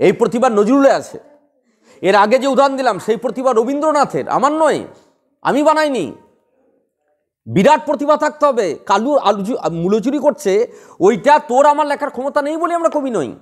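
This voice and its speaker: High-voiced playful Bengali tutor. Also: male voice. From West Bengal. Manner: playful, laughing, acts out quarrels and recites verse. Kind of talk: classroom lecture on poetic rhythm.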